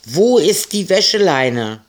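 A man's voice: medium pitch, animated, slow. A man voicing a stern, impatient farm woman who scolds in a grumpy tone. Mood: calling.

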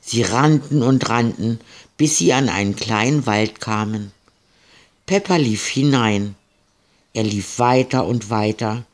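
A man reading a children's story aloud, gentle and expressive. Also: medium pitch.

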